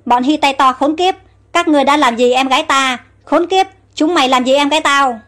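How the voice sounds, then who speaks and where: Woman voicing a fierce Amazon warrior queen, high and urgent. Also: brisk, a bit bright. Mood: furious. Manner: commanding, urgent.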